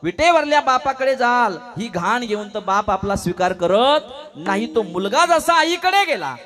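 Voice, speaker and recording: A man with a high voice delivers a devotional kirtan sermon. He keeps asking his listeners questions and gives voices to the people in his story. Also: lively intonation, moderate pace, fairly bright tone. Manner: questions the audience constantly, acts out voices in the story. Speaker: kirtan preacher. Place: kirtan gathering before a live audience.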